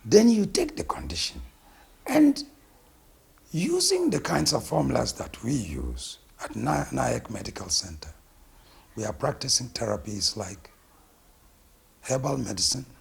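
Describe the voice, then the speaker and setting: A middle-aged man from Ghana with a Ghanaian accent, a naturopathic physician introducing himself and his work in a deliberate, emphatic way. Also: medium pitch, very animated, vocal fry, breathy edge. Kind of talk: self-introduction interview.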